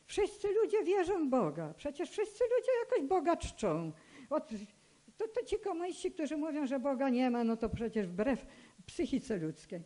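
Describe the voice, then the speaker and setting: A Polish woman in her eighties, with a somewhat high, mellow voice and wide pitch swings, gives personal testimony in a public talk. She addresses a seated audience in an indoor hall with a stage, speaking close to a stand microphone. Earnest and admonishing, she deliberately repeats phrases to drive her point home.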